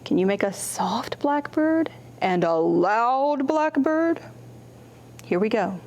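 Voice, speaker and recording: Speaking slowly in a voice on the high side, this storytime host and librarian reads picture books to children with lots of expression. She uses her voice to act out contrasts and puts simple questions to the young audience.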